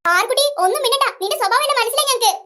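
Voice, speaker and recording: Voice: very high-pitched, rapid-fire, background noise. A performer voicing a teasing older sister in a comic family skit. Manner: mocking, teasing.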